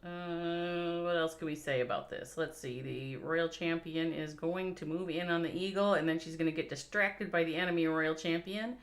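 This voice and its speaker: Low-voiced Minnesotan woman casting a game. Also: fairly even intonation, moderate pace, few pauses. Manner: chatty, playful, reads chat aloud and laughs often. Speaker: esports caster. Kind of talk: live game commentary.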